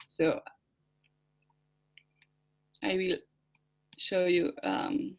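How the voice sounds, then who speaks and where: A woman artist whose first language is not English, speaking haltingly with many fillers on a video call, partly reading from a prepared text. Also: fairly low pitch, flat delivery, vocal fry. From Switzerland. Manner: hesitant, many fillers and restarts. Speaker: artist presenting her project. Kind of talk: halting symposium talk, partly read aloud.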